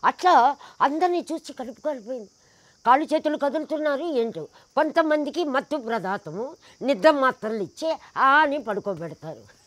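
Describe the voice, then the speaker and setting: A woman's voice: high-pitched, animated, moderate pace, no echo. Emphatic woman telling an indignant story. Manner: emphatic, indignant, with rhetorical questions; acts out the people in her stories. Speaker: interviewee. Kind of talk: animated personal storytelling.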